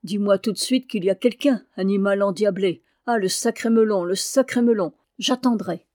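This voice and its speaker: A woman's voice: medium pitch, normal speed, a little mellow, no echo, studio quality, natural voice. A woman reading aloud and voicing a frantic, jealous man who speaks in a raised, agitated voice. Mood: furious.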